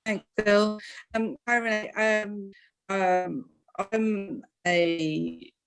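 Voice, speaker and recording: A woman's voice: mid-range voice, fairly even intonation, drawn-out words, slight background noise, poor audio. A woman asks a question on an online group call, hesitant and apologetic, her audio breaking up. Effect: voice heard over a choppy internet group call. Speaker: webinar participant asking a question.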